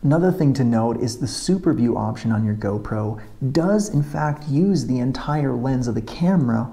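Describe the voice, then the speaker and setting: A motovlogger recording himself with a tripod camera gives a methodical technical tutorial to camera on camera and export settings, step by step. His mid-range voice is creaky yet warm in tone.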